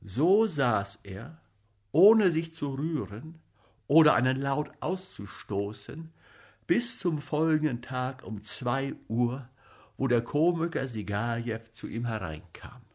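A man narrating a story as an audiobook reader in a slow, lively way. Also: medium pitch, breathy edge.

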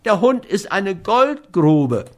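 A man's voice: sing-song, takes it slowly, exaggerated voice. A man doing a whiny, cowardly brute. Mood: whining. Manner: whiny, high and pleading. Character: cowardly whining brutal man, fearful.

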